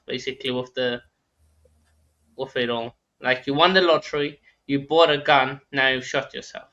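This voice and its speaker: A man chatting casually about football in a hesitant, halting way. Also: mid-range voice, sharp tone. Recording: slightly dull lo-fi microphone.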